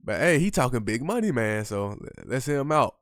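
A man's voice: medium pitch, very animated, normal speed, a bit bright, no echo, studio quality. A man hosting a reaction show, commenting casually in slang and addressing his viewers. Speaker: host.

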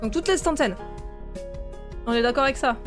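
A woman's voice: high-pitched, normal speed. A woman streamer chatting casually with her viewers, laughing often and full of fillers and restarts. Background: faint music.

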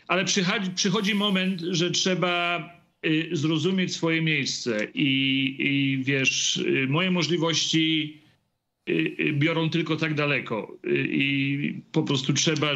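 Hesitant middle-aged man, bright voice. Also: on the high side, lo-fi sound. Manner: hesitant, many drawn-out fillers, mixes in English phrases. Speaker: boxer's father and team member. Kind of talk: remote interview over video call. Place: indoor room at home.

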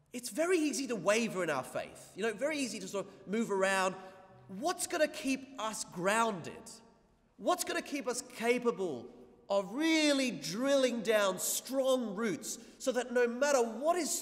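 In church, a male priest gives a chatty homily full of asides to his listeners. His high-pitched voice is a bit bright and trails a long reverb tail.

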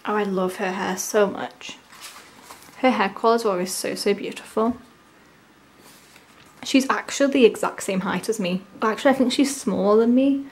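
A woman with a sore, swollen-tonsil voice from tonsillitis, chatting casually and gushing excitedly as she hosts an unboxing. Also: medium pitch, normal speed, long pauses. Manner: gushing, enthusiastic. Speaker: unboxing video host.

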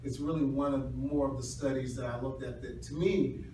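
A middle-aged doctoral candidate answers questions during his oral defense, speaking at medium pitch with fairly even intonation. He hedges and halts, restarting his academic explanations. The small indoor university classroom is echoey, and a distant camera or phone across the room gives a noisy recording.

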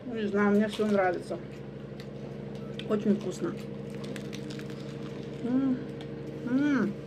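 A woman's voice: medium pitch, drawn-out words, background noise. Woman chewing while talking, mouth full. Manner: chatty, defends her cooking. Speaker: vlogger cooking for her family. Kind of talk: casual home cooking vlog, mukbang. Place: home kitchen.

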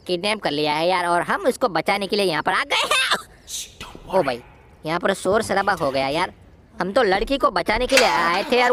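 A woman voicing a cheeky, giggly young boy who comments on horror games, teasing the monsters and yelping in mock fright. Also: medium pitch. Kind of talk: comic gameplay commentary in a cartoon voice.

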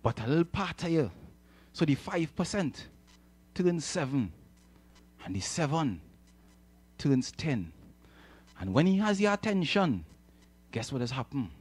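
A man from Trinidad and Tobago preaches a little slowly, with long pauses, in a sing-song voice that sits on the high side, somewhat mellow with a breathy edge. On a church hall stage with a handheld mic, he repeats phrases and prompts listeners to respond in a lively call-and-response.

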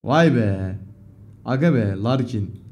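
A young man streaming live, casually reading out his viewers' messages, cursing freely and breaking into loud outbursts. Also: medium pitch, lively intonation, slow pace. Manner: profane, swearing often, loud outbursts.

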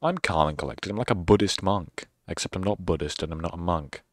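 Speaking fairly quickly in a low register, this young man is signing off his stream with loose, self-deprecating banter. The close microphone picks up no room sound at all.

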